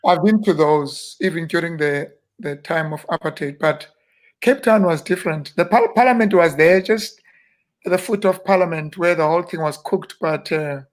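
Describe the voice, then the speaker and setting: Looking back on the past as an interview guest, a South African minister in his fifties talks at an easy, meandering pace. His voice sits a little high for a man, and he keeps pausing on fillers and starting sentences over.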